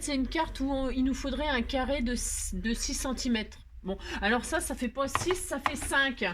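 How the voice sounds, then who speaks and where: A French-accented woman talks through a crafting tutorial at her table in a chatty, self-mocking way, full of fillers. Her voice sits a little higher than most. Faint background noise runs under the recording. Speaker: crafting video host. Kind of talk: casual craft tutorial chat.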